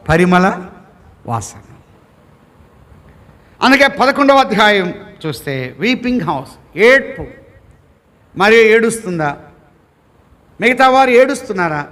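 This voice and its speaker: A man's voice: high voice, bright, forceful tone, long reverb tail. A male pastor preaching a sermon with a Telugu accent, posing rhetorical questions and building repeated lists.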